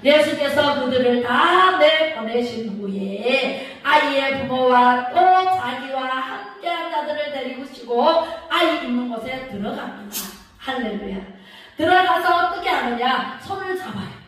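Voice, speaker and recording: A woman pastor preaches in a high voice, acting out the quoted lines and questioning her listeners. She sounds far from the mic, and her voice rings around a large reverberant church. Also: measured pace, fairly bright tone. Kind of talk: sermon. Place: church sanctuary. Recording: echoey church hall from far off.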